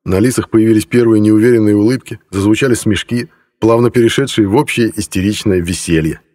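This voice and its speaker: Male audiobook narrator, low and even, reverberant sound. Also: brisk. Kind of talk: scripted narration. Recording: long hall reverb.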